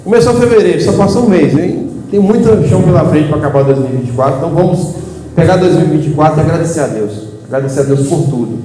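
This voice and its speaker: A man's voice: a little high, expressive, quick pace, crowd noise. A Brazilian Portuguese-accented man preaching an informal evening sermon, folksy and chatty, telling everyday stories and addressing the listeners as brothers. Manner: chatty, folksy storytelling with frequent "né" and "irmãos". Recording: echoey hall with faint hum.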